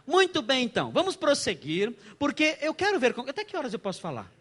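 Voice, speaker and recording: Middle-aged Brazilian pastor, high and lively voice, joking sermon style. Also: male voice, a little fast. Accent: Brazilian Portuguese. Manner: animated and joking, with frequent rhetorical questions. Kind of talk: conference sermon lecture. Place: church conference hall.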